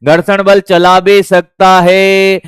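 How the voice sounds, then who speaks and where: A high-pitched man lectures a class at an unhurried pace, often calling on students and repeating his questions. His voice is smooth and clear, recorded dry and close. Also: little pitch movement, no echo. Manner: addresses students as beta, asks repeated questions. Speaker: physics teacher.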